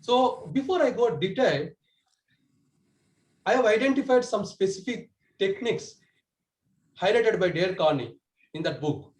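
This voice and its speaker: Guy doing a club speech on a video call, higher voice, roomy echo. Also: animated, normal speed, pauses often. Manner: earnest, with restarts and self-corrections. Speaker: club speaker.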